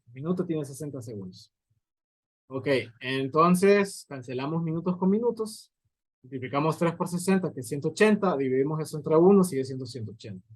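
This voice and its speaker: A man's voice: fairly high pitch, a little mellow, no echo, rough recording. Patient man teaching a physics lesson. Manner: patient, explains step by step, checks in with listeners. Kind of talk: recorded lecture at a writing board.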